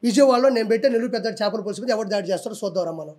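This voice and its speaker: A man's voice: high-pitched, very fast, a little mellow. A man, speaking combatively and defiantly in a heated political interview.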